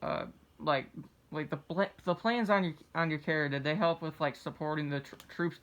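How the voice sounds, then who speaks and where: A young American man interviewing in a casual, halting way, feeling his way through questions. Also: on the high side, fairly bright tone. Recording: slightly dull, muffled sound.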